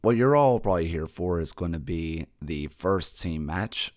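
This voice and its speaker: A man hosts a casual sports podcast with a hoarse, worn-out voice. It sits low and raspy, thinning toward a whisper at times. He talks haltingly and corrects himself, in a dry recording with little room sound. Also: expressive, darkish tone, dry recording. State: hoarse, voice nearly lost. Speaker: podcast host. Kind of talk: casual sports recap commentary.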